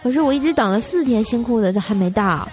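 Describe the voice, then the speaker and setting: A woman's voice: fairly high pitch, animated, fast talker, a little mellow, soft background music. A young woman from Tianjin, China, hosting a comedy show and telling funny stories in a chatty, giggly way. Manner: chatty, giggly, piles on filler words. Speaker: comedy radio host. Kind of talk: comic storytelling.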